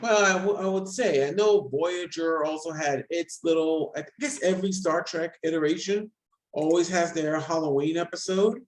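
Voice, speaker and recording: A man in his forties chatting casually on a video call, rambling quickly and self-deprecating. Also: on the high side, a little hiss or hum, rough recording. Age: 40s. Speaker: discussion guest.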